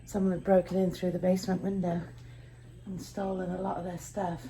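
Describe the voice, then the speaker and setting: A woman's voice: on the low side, flat delivery, a little fast, warm tone, low-quality recording. A woman chatting casually to her viewers in a daily vlog, talking to them directly. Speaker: vlogger.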